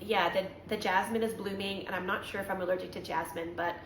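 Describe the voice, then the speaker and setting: Fast-talking and steady in tone, this Canadian knitting podcast host has a mid-range voice made slightly raspy by allergies. Her casual show-and-tell chat meanders, full of ums and mid-thought corrections. An echoey room and faint hum come through on the recording.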